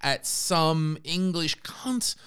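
A man's voice: fairly high pitch, animated, very slow, fairly bright tone, clear, resonant tone. A man hosting a casual conversation, putting rambling questions and hypotheticals with some swearing. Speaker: podcast host.

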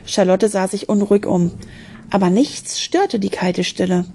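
A woman's voice: mid-range voice, unhurried, mellow, a little hiss or hum. A woman reading a children's story aloud, expressively, with small slips and restarts. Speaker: narrator.

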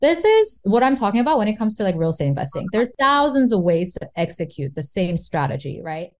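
A South Korean woman in her thirties, a real estate investor, chats casually as an interview guest, peppering her points with fillers like "right?" and "you know". She talks fast at a medium pitch with big swings in intonation, and there is a little hiss or hum.

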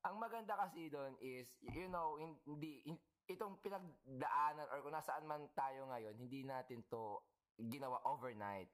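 A man's voice: mid-range voice, normal speed, a bit bright. A man from the Philippines co-hosting a podcast, upbeat and reflective, mixing English phrases into his casual chat. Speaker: podcast co-host.

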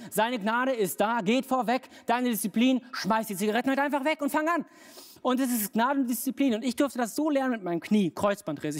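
This is a preacher delivering a relaxed sermon in a conversational register, speaking straight to the listener. Key phrases come round again and again for emphasis, and the middle-range voice stays easygoing throughout. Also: mid-range voice. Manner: colloquial, direct address to listeners. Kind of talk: casual sermon.

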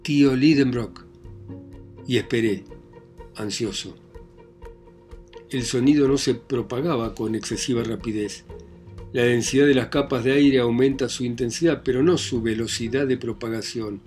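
A man reading a novel aloud, his voice of middle pitch kept low and hushed. He paces the story in a measured, dramatic way, with soft music faintly behind him. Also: fairly even intonation. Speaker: audiobook narrator. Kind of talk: scripted novel narration.

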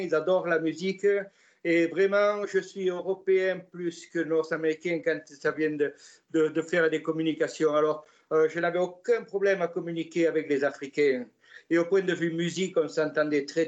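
An older man from Gascony with a Gascon French accent, telling stories in a relaxed interview, with many hesitations and restarts. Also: on the high side, normal speed, highs cut off. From Gascony, France. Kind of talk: casual storytelling interview.

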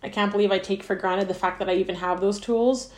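A woman's voice: mid-range voice, fairly even intonation, fast. A woman hosting a podcast interview, chatty and effusive with a lot of fillers. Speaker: podcast host. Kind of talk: casual interview chat. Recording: roomy echo.

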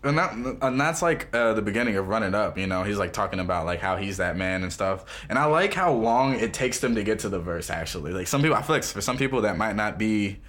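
A man in casual conversation reviewing an album, animated and enthusiastic, often swearing and exclaiming as he breaks down lyrics. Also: lowish voice, quick pace, hardly any pauses. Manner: animated, swears, gushes over verses. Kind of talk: casual music review chat.

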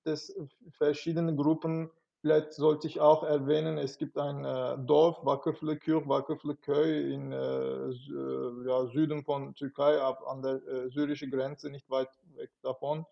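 A man from Turkey, a guest in an interview, talking haltingly and often restarting as he searches for words. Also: a little high, level tone, vocal fry. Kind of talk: conversational interview. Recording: dull lo-fi sound.

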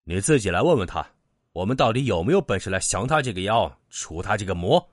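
A man doing a loud, brash demon hunter. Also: deep voice, lively intonation, fairly quick, dry recording, studio quality. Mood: defiant. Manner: loud, blunt and taunting. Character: bold, hot-tempered demon hunter, rough-mouthed man.

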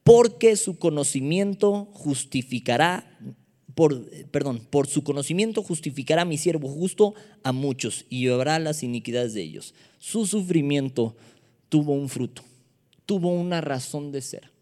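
A man's voice: a little high, lively intonation, moderate pace, warm tone, long reverb tail. A man preaching a sermon, playful and full of rhetorical questions. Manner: playful, asks rhetorical questions, mimics voices.

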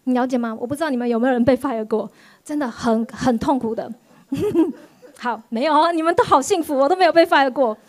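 A woman pastor, giving a sermon testimony in an animated storytelling way. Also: high-pitched, brisk. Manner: animated storytelling, acts out quoted voices.

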